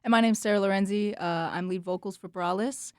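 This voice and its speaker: A woman's voice: medium pitch, fairly even intonation, a little fast, darkish tone, smooth, no room sound, clean studio sound. A young woman from Charlotte, North Carolina, a student band's lead singer, telling a story with playful flair in a casual interview. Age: young adult.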